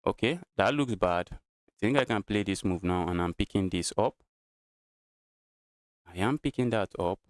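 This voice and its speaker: A man's voice: on the low side, moderate pace, long pauses, no echo, studio quality. A Nigerian man streaming live chess, thinking his moves aloud and repeating his phrases as he goes. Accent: Nigerian English.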